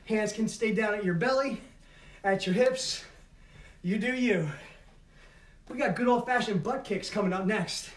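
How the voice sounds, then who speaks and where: A man's voice: sits high, unhurried, pauses often. A middle-aged man calling out moves as an aerobics instructor, urging and motivating while he exercises. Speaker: fitness instructor leading a home workout. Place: carpeted living room at home. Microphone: camera several metres away. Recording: echoey room, distant mic, noisy.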